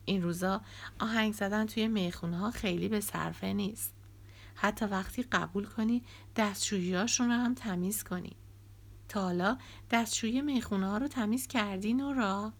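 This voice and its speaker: A woman's voice: mid-range voice, gravelly. A woman reading an audiobook, voicing a bitter, resentful young man who used to be a drummer and speaks with angry sarcasm.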